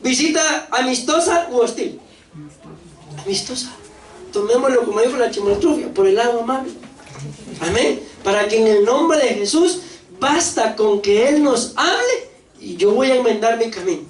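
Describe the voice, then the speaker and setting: A pastor with a Costa Rican accent preaching a lively sermon, asking the congregation questions and acting out voices. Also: mid-range voice, normal speed. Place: church hall. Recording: echoey church hall, distant mic, faint noise.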